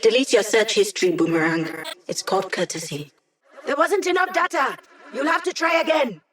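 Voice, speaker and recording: A woman's voice: fairly high pitch, normal speed, fairly bright tone, close to an everyday voice. A woman voicing a digitized young female hacker in a video game, a wry, upbeat ally with casual, techy chatter. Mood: dry, teasing.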